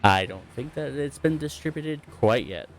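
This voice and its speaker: A man's voice: medium pitch, lively intonation, normal speed. A man running a tabletop game, recapping the last session in a rambling, self-correcting way. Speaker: game master.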